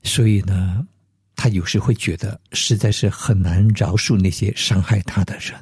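Man, pastor on faith radio, calm and thoughtful, very husky voice, dry close sound. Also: lowish voice, normal speed, dry recording.

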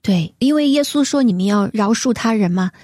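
Woman, faith radio co-host, gentle measured reading, warm mellow tone, dry studio sound. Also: mid-range voice, expressive, no room sound. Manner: gentle, measured, reads letters aloud. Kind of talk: reading listener letters on a faith program.

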